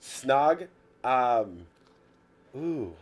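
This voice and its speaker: A man's voice: mid-range voice, very animated, drawn-out words. A man being interviewed, laid-back and slangy, often asking "you know what I'm saying". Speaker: interview guest. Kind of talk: casual interview chat. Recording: faint background noise.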